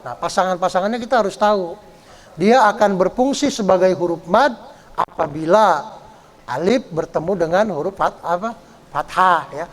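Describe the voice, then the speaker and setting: A man teaching Quran reading rules step by step, often tagging his sentences with "ya" and drawing out example words slowly. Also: sits high. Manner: explains step by step, often adds "ya"; draws out example words slowly when chanting them. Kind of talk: Quran recitation lesson. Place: study gathering hall.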